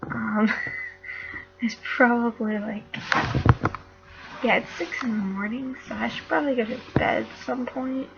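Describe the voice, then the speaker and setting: Young woman, gravelly, hesitant, lo-fi. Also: a little high, fairly even intonation, a little slow, long pauses, noisy background. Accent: slight Northeastern US. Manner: hesitant, with many fillers. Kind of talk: casual home audio post and storybook reading. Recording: dull lo-fi home recording.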